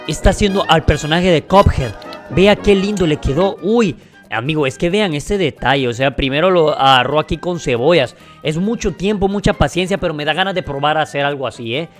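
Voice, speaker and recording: A man reacting to a video game in casual, excitable commentary that he talks straight to his viewers. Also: fairly high pitch, a little fast, soft background music. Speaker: gaming video creator.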